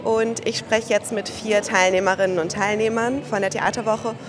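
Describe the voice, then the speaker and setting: A woman's voice: medium pitch, fairly even intonation, normal speed. A woman interviewing people on site at an event in a friendly, chatty way. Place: event venue, a gym hall. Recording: crowd chatter at a busy event.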